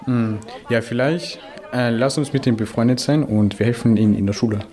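A man's voice: mid-range voice, normal speed, mellow, lightly acted. A teen boy playing a slangy schoolboy. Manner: slangy schoolkid talk with hesitations. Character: teenage schoolboy Franz, first mean then friendly. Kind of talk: amateur school drama.

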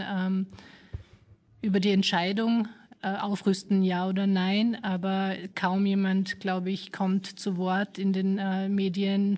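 A woman's voice: mid-range voice, darkish tone. A woman from Afghanistan, a panel guest in a radio interview, speaking hesitantly with many fillers and restarts.

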